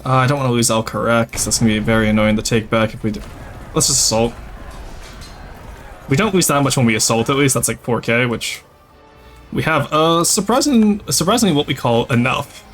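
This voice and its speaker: A young French Canadian streamer from Quebec, Canada, with a light Québécois accent, chats casually with viewers during a strategy game livestream. His mid-range voice is brisk and a bit bright, with faint music in the background. He's chatty, reading and answering chat as he plays.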